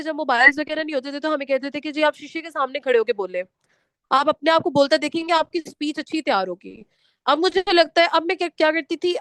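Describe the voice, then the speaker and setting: Young woman teacher, high voice, dry close sound, mixes hindi and english, explains step by step. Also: a bit bright, no echo. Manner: instructive, mixes Hindi-Urdu and English, slows down for English lines. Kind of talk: online class lecture.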